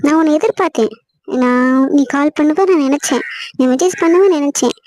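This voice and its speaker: A woman's voice: high-pitched, a little fast, darkish tone, no room sound, natural voice. A young woman acting a hurt wife arguing with her husband on a phone call. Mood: hurt, angry. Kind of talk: acted phone-call drama.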